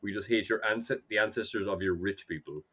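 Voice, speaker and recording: A man's voice: on the low side, fairly quick, bright, forceful tone, slight background noise. A man from Ireland with an Irish accent, co-hosting a podcast in casual, joking chat full of asides. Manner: joking, chatty, talks through asides. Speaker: podcast co-host.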